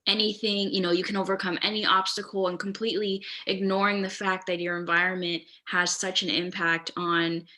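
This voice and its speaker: Bright, flat-toned discussion moderator. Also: mid-range voice, fairly quick, few pauses. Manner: reflective, conversational, with filler words. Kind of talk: casual discussion comment.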